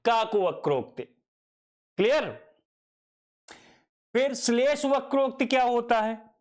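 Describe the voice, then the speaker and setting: A man giving a grammar lecture at an unhurried, deliberate pace, his voice sitting high for a man. He poses questions to himself and answers them, then repeats each definition so it sinks in. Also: big pitch swings. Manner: addresses students fondly as child. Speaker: teacher.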